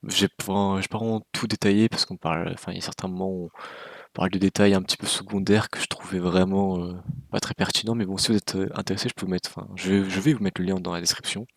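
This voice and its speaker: A man's voice: deep voice, gravelly, no room sound. A man giving casual, opinionated game news commentary with a wry, candid manner, speaking close to the microphone. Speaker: gaming video creator.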